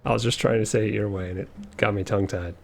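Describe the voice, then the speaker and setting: A man's voice: on the low side, fairly even intonation, racing, vocal fry, a little hiss or hum. A man talking casually and teasing his friends while they play a game together. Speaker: player in a group gaming session.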